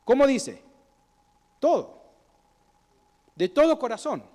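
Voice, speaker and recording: A man's voice: very high voice, sing-song, slow pace, a little mellow. A man preaching a sermon in a conversational way, asking his congregation questions and acting out quoted voices, recorded in a church. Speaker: pastor. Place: church sanctuary. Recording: long hall reverb.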